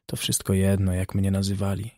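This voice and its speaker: A man voicing a bitter, haunted young male ship's officer in an audiobook, speaking low and sombre. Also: fairly even intonation, measured pace, a little mellow, breathy edge.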